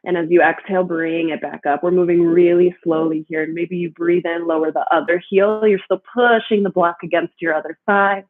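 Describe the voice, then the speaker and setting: A woman guiding a gentle yoga class in a soothing, encouraging manner. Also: fairly low pitch, fairly even intonation, brisk, few pauses, phone-quality sound. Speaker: yoga instructor.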